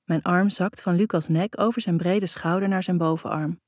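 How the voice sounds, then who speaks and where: A woman narrates a first-person audiobook in a soft, intimate, even way. Her voice is low-pitched and mellow, recorded dry and close with no room around it. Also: moderate pace, breathy edge, no room sound.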